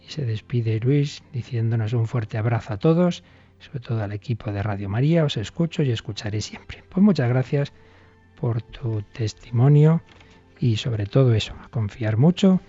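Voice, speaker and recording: Man with a Spain Spanish accent, radio catechism presenter; deep, mellow, slightly husky tone, earnest and encouraging, dry lo-fi broadcast recording. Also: normal speed, soft background music. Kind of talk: reading a listener's letter with spoken reflection.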